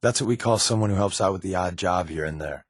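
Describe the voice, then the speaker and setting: A man with a low, husky voice and a quick pace plays a video game companion character, a sly undercover resistance agent. His scripted, conversational lines come out casual, glib and sardonic, with a persuasive, wry mood. The studio-quality recording has no echo.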